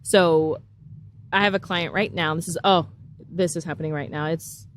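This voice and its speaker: A woman guest on a business podcast, telling a story in a lively way and acting out the lines of the people in it. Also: lowish voice, normal speed, slight background noise. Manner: animated storyteller, acts out quoted dialogue.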